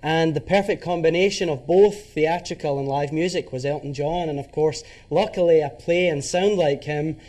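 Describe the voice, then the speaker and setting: A man's voice: a little high, moderate pace, few pauses, a little mellow. A man from Scotland with a Glasgow accent, chatting upbeat as a tribute performer on morning TV. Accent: Scottish, Glasgow. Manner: upbeat, chatty, laughs easily. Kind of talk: morning TV interview.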